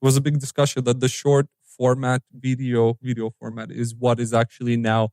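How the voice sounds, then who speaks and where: A man on a casual podcast, earnest and advising, sometimes restarting his sentences. His tone is warm and dark. The recording is close and dry. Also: mid-range voice, monotone, moderate pace, no room sound. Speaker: podcast co-host.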